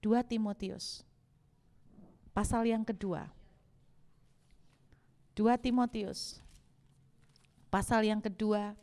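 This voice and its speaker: A young woman pastor preaching a sermon with lively delivery, acting out quoted voices and mixing in English phrases. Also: medium pitch, very slow, pauses often, in a large hall.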